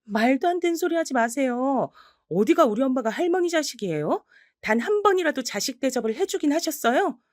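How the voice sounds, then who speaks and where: A bold young daughter, as a woman acts her out, pushing back in a high, sharp voice. She speaks fast and fierce, and the sound is dry and close. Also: animated, no room sound. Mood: defiant. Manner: sharp, defiant and high-pitched.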